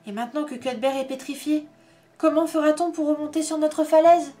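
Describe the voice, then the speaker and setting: Woman voicing a worried monkey-bear guy, doubtful, pretty high voice. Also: fairly even intonation, fairly quick, mellow, natural voice. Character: cautious male monkey-bear creature.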